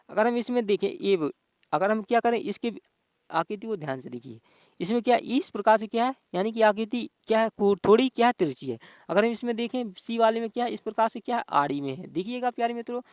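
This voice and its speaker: Guy teaching exam reasoning, high voice, dry close sound, keeps asking then answering himself. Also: no room sound. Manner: explains step by step with many rhetorical questions. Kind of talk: exam-prep reasoning lesson.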